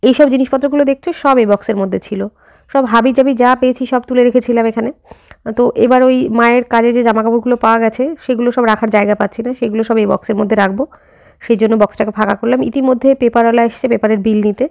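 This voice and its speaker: A fast-talking vlogger in her thirties from India chats directly to her viewers about her day, at home and outdoors while running errands, with plenty of fillers and a slight rural Jessore-Khulna lilt to her Bengali accent. Her slightly high voice has a darkish tone, fairly even intonation and vocal fry, picked up by a camera held some distance away.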